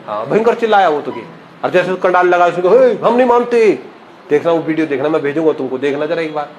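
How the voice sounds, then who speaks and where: A man's voice: a little high, fast, muffled recording. A man telling a playful, comic local history story, acting out the characters' lines in different voices.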